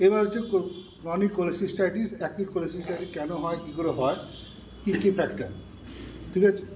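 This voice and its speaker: A man's voice: sits high, measured pace, a little mellow. Male pathology teacher, casual step-by-step explaining with frequent check-ins, distant mic, faint room noise. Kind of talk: informal teaching session.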